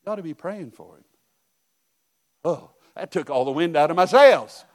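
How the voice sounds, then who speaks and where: A middle-aged male pastor preaching a sermon, telling stories and swinging from hushed asides to loud outbursts. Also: on the high side, animated, normal speed.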